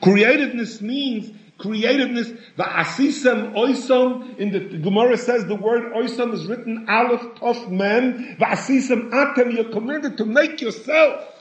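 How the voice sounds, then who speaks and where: A man giving a sermon in a halting way, often repeating words and rising in pitch for emphasis. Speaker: rabbi. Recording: echoey room, dull lo-fi sound.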